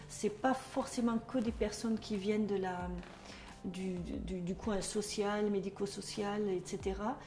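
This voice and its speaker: In a testimonial interview, a middle-aged woman from Germany who trains at a social work school speaks hesitantly in German-accented speech, stumbling through fillers and restarts. Her voice is warm and mid-range, and the room is echoey.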